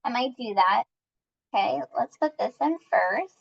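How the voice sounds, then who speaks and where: A woman's voice: a little high, lively intonation, measured pace, vocal fry, lo-fi sound. A woman leading a live-streamed cooking class, upbeat and chatty as she talks viewers through each step.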